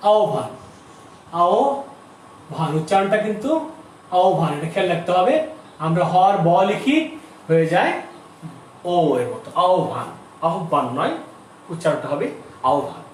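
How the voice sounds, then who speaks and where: শিক্ষক, উঁচু ও ওঠানামা করা কণ্ঠস্বর. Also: male voice, high voice. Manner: explains slowly, repeats terms, asks students questions. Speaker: teacher. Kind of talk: grammar lesson for school students. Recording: distant, echoey room with faint noise.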